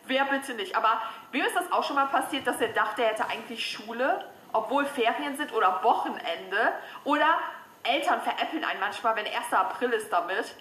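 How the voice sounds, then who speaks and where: Speaking a little fast at a fairly high pitch, the young woman hosts her own horror chat channel, reading creepy chat messages to viewers. She is excitable and lively, squealing and laughing at the frightening bits. She sits on a stool in a room at home, and the recording is echoey with faint background noise.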